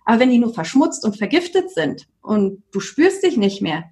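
A woman's voice: a little high, very animated, normal speed, mellow. A woman, a yoga teacher, speaking as a podcast guest in an earnest, reflective way with many hesitant fillers. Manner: earnest and reflective, with frequent "ähm" fillers and repetitions. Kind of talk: casual conversational interview.

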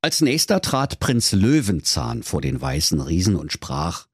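Male narrator, comic fairy tale, slow, very lively melody, dry close sound. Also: low voice, husky, dry recording. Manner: playful, theatrical, pun-filled. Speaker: storyteller.

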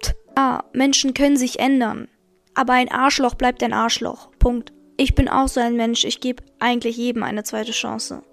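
A woman's voice: a little high, level tone, moderate pace. A young woman hosting a podcast, candidly telling a personal story and giving blunt advice straight to her listeners. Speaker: podcast host.

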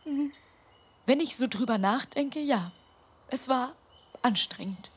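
A woman voicing a strict, prim old grandmother mouse who speaks in a breathy, stammering half-whisper. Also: high voice, slow pace, heavily acted. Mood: sad.

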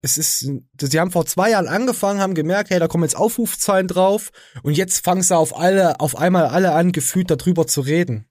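A man's voice: sits high, fast talker, few pauses, a little mellow, no room sound, clean studio sound. A young man with an East German accent hosting a casual podcast, ranting crudely and mockingly. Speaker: podcast host.

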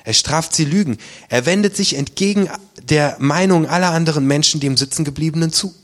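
A man's voice: a little high, fairly quick. A man preaching a sermon as pastor, in a colloquial, vivid way that acts out the voices he quotes. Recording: long reverb of a large hall.

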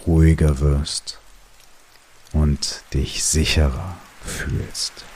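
Very deep, slow male sleep story narrator. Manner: calm, soothing, long pauses between short phrases. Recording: steady rain noise behind the voice. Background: rain.

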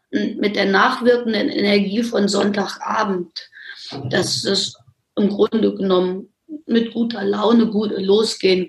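A woman with a hoarse, raspy voice chats casually as a podcast co-host. Her voice sounds strained and rough, at a middling pitch, in a roomy, echoing space. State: hoarse since the day before. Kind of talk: casual chat.

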